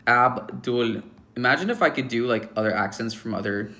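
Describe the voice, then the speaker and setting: Speaking at a moderate pace and medium pitch, a young male livestreamer with a pushed, bright voice hands out blunt, offhand judgments on viewers' photos. His casual chatter is loaded with fillers, and he jokingly teases the chat.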